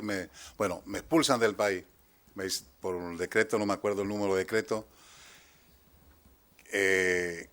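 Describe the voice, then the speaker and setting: Older man in his sixties, Argentine accent, low voice, hesitant witness testimony, trails off. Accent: Argentine Spanish. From Chile, raised in Argentina. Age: 60s. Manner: halting, hesitant, trailing off quietly. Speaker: trial witness. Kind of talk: courtroom testimony.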